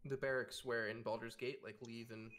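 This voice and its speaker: Male game master, mid-pitched, casual and halting, narrating and ruling for players. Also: level tone, background noise. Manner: halting, searching for words.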